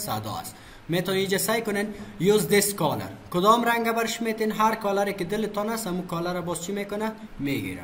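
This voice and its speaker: A man walks through a software tutorial in a fairly high voice. He keeps asking a question and then answering it himself. A faint hiss of background noise sits under the recording. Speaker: computer teacher.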